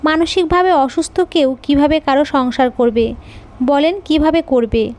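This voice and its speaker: A woman voicing a frank, curious young bride in an audio story, speaking in a soft, gentle voice. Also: high voice, a little slow. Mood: earnest.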